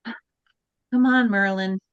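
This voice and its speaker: On a video call microphone with dull audio, a woman reads the teenage girl lead in a live read-through, her mid-range voice clear and resonant as she draws out words. She's lively, swinging from whiny protest to grand recital and breaking off to laugh at her slips.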